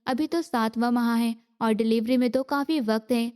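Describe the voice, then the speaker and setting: A woman's voice: a little high, steady tone, natural voice. A woman reading the part of an exasperated young husband who answers sharply, in an audiobook. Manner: sharp, defensive.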